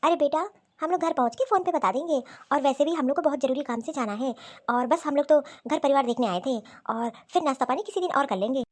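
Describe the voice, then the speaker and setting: A woman's voice: high-pitched, brisk, hardly any pauses, lightly acted. Woman doing a polite visiting aunt.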